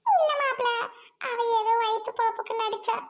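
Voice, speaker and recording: An older mother-in-law , put on by a woman, weeps her apologies in a very high, flat voice. She begs forgiveness in a steady, narrow line. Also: moderate pace. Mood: tearful apology. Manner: crying apologetic.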